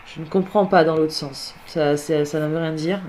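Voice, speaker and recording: A woman's voice: sits low, fairly even intonation, moderate pace, very noisy. A woman working as a medium, chatting casually as she replays recordings, repeats the words she hears aloud and speaks directly to the departed. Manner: musing, repeats heard words aloud and addresses the spirit directly. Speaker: medium doing spirit-contact sessions. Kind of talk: casual commentary during a recording session.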